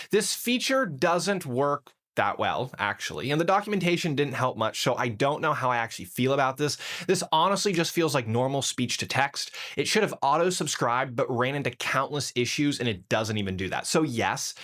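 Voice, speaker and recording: A man presenting a casual software demo, talking candidly and giving blunt opinions. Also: mid-range voice. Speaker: tech video presenter.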